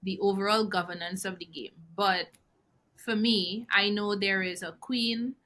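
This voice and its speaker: A woman's voice: medium pitch, steady tone, measured pace, sharp tone. A woman hosting a podcast, asking curious, chatty questions with plenty of fillers. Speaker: podcast host. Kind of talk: casual interview questions.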